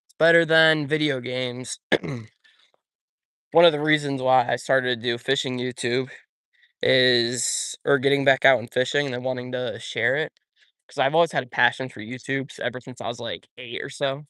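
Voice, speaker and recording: A young fishing YouTuber stands by a pond outdoors, chatting loosely on a live stream and answering viewers while rambling between topics. His middle-pitched, smooth, sharp voice keeps fairly even intonation and a moderate pace, recorded dry and close with no room sound or echo.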